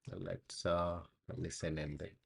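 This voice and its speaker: A man casually commenting on a live stream, explaining haltingly with many fillers. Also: low-pitched, level tone, vocal fry, fairly bright tone, husky.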